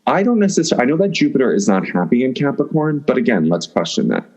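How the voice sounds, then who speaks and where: A man's voice: mid-range voice, sing-song, quick pace, a little mellow, husky, dull audio. A man, an astrologer guest, talking in a casual podcast conversation, effusive and flowing, often stringing words into lists.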